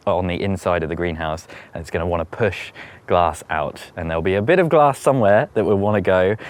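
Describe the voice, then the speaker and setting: A man walking round his allotment, talking casually to camera with wry, self-mocking humour. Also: sits low. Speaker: allotment vlogger. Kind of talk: casual walk-and-talk. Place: outdoor allotment garden.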